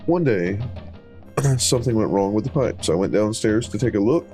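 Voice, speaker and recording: Deep-voiced guy doing a let's play, reading out all the game lines in goofy voices, mellow relaxed tone. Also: normal speed, faint music behind. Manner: reads every character's lines with playful voices and casual asides. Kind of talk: reading game dialogue aloud while playing.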